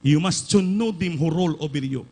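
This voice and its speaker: Fervent Filipino preacher, raised pitch. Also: male voice, fairly quick, poor audio. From Philippines. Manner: storytelling, building to loud fervent exhortation; mixes English phrases into Filipino preaching. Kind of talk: sermon.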